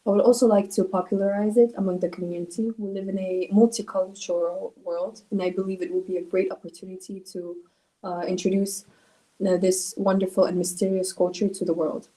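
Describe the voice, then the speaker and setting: A woman's voice: mid-range voice, flat delivery, dark tone, poor audio. Woman presenting on a video call. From Russia. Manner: earnest, with frequent "uh" pauses. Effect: on a video call, sharing her screen. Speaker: student presenting a school project. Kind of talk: online project presentation.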